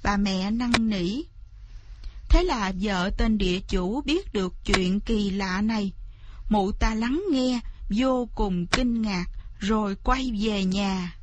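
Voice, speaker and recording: A woman narrating a folk tale in a calm storybook style. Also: mid-range voice, takes it slowly, background noise.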